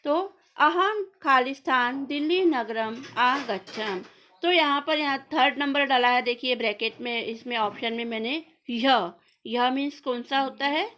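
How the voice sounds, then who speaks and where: A woman teacher, giving a classroom grammar lesson. She asks a question, answers it herself and repeats words slowly for her students. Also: high voice, fairly bright tone, slight background noise. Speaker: school teacher.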